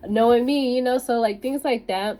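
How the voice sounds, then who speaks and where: A bootcamp student vlogger rambles casually to her viewers, peppering her talk with "like" and "um." Her voice is fairly high and warm, moving at a moderate pace.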